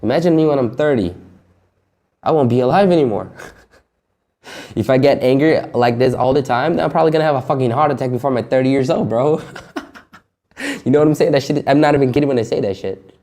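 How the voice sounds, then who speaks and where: Here a twenty-something man speaks fast but with long pauses, his voice medium in pitch and dark in tone. It's a candid monologue where he vents openly, curses heavily, and gives nervous laughs.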